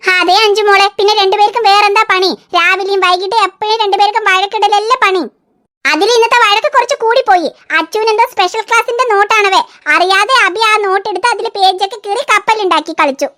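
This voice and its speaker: A woman voicing a calm, gently scolding mother in a cartoon. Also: very high-pitched, fast talker. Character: soothing cartoon mother of three girls. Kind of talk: cartoon voice acting.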